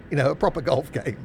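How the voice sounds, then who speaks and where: Speaking with vocal fry in a slightly mellow voice, a man live-streams a game and jokes around with his viewers, replying informally with chatty asides. Constant background noise and vehicle rumble come through his streaming microphone, which feeds a mixing desk.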